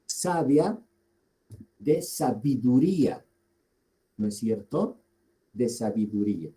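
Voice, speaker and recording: Male lecturer, Bolivian Spanish accent, very unhurried delivery, dark warm tone; deliberate, repeats for emphasis. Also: medium pitch, expressive, rough recording. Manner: deliberate, repeats key words, asks the class questions. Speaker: teacher. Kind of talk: slow classroom lecture.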